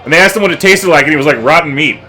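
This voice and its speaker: A man's voice: a little high, racing, pushed and bright, a faint crowd. A man co-hosting a casual movie commentary, laughing often and restarting sentences. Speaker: co-host.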